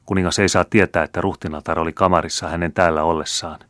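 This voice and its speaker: A man's voice: low-pitched, fairly even intonation, a bit bright, no room sound, studio quality. A man reading the lines of a wise, dutiful young woman in an audiobook, in a grave, pleading way.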